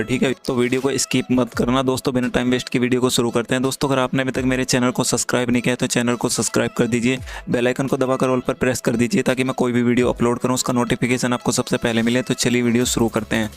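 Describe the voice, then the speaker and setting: A man hosting his channel, walking through a screen-recorded chat and reading the messages aloud in a steady, even way. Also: medium pitch, fast. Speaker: channel host. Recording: faint background music.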